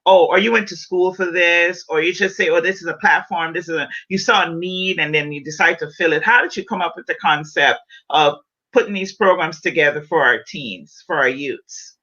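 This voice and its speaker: A woman's voice: lowish voice, normal speed, sharp tone, breathy edge. A woman from the Caribbean hosting a podcast, chatty and enthusiastic, asking long, rambling questions. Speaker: podcast host. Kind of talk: podcast interview. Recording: dull lo-fi audio.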